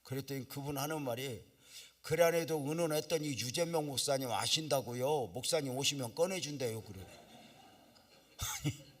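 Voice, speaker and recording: A middle-aged man preaching at a revival meeting in a church, telling a story with lively acted-out voices and sudden loud cries. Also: mid-range voice, moderate pace, pauses often. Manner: animated storytelling, acts out quoted voices, bursts into loud cries. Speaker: pastor. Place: church sanctuary.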